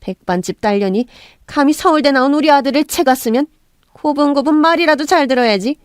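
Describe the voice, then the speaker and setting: A woman's voice: high-pitched, animated, normal speed, no echo, clean studio sound. A woman voicing a haughty middle-aged mother-in-law who scolds and curses her son's wife. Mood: furious. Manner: contemptuous, scolding, cursing.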